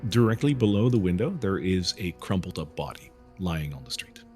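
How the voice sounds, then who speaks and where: A man narrating a tabletop role-playing game as game master, telling the scene in an animated way. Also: low voice, brisk, faint music behind.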